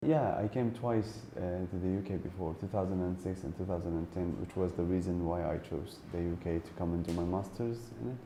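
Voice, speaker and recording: A man answers interview questions in a plain, unhurried way. His voice is deep and dark. The room sounds echoey, with faint noise behind. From Syria.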